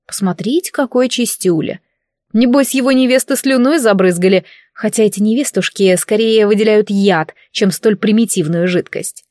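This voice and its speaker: A woman narrating a fantasy novel in first person, with an ironic, lively telling. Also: mid-range voice, normal speed, no room sound, studio quality. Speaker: audiobook reader. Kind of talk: scripted narration.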